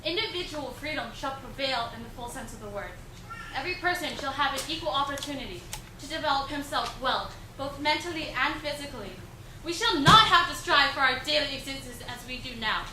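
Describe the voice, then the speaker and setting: A woman playing a defiant young female anti-war activist, declaiming impassioned speeches. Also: high voice. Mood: solemn, resolute. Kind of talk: dramatised historical speech. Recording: echoey room with faint background noise.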